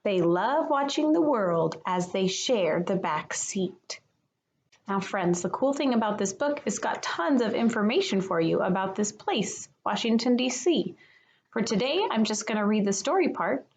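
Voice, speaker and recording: Here the teacher reads a picture book to small children at a moderate pace, her mid-range voice full of expression.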